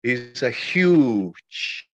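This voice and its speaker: This very animated Ecuadorian speaker, a native Spanish speaker with a mid-range voice, talks informally about his paintings from his studio. He goes slowly, pausing a lot and stacking up lists of words as he explains. The audio is a bit muffled and lo-fi, recorded close and dry without echo.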